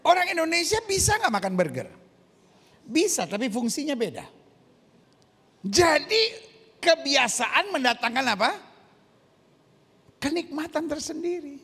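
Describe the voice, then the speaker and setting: A man preaching a sermon, animated, questioning the congregation and acting out voices. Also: very high-pitched, measured pace, long pauses, in a large hall. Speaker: pastor.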